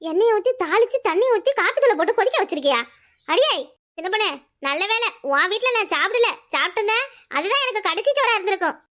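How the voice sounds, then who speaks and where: A tender old village mother in a cartoon family drama. She speaks in a very high, soft tone, doting and protective toward those around her. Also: lively intonation, fast talker. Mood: scolding. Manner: soft, doting, tearful at times. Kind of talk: cartoon voice acting.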